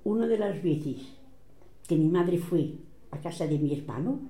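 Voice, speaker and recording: An older woman with a Catalan accent recounts old family quarrels in a lively storytelling manner. She slips into the voices of the people she quotes. Her voice is very dark and mellow, and it rings in an echoey room. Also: fairly low pitch, a little slow. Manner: animated, acts out quoted voices. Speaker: relative recounting family history.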